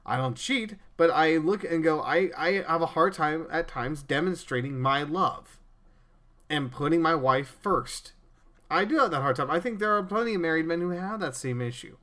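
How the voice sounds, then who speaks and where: A man's voice: a little high, animated, normal speed, bright, forceful tone. Earnest man preaching on a podcast. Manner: earnest, preachy, with frequent restarts and stammers. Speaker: podcast host.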